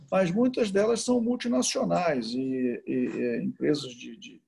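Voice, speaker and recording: Answering questions during an online talk, a guest speaker who heads a tourism association hesitates and restarts frequently over a video call. His high-pitched voice carries vocal fry, a darkish tone, and a breathy edge.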